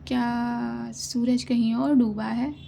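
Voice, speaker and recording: Woman doing a teasing breezy young woman, whispered role-play, kinda high. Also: little pitch movement, slow, vocal fry, dark tone, slight background noise, heavily acted.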